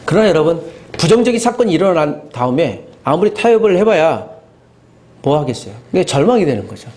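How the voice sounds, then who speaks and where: A man preaching a sermon as pastor, animated, acting out inner voices and asking the congregation questions. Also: on the high side, a little fast.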